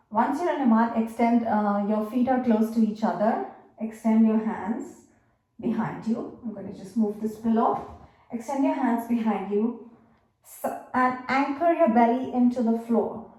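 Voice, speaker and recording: Guiding a yoga class in a mellow voice on the high side, a woman patiently walks through each step, using fillers and sounding slightly out of breath. The recording is distant and very echoey.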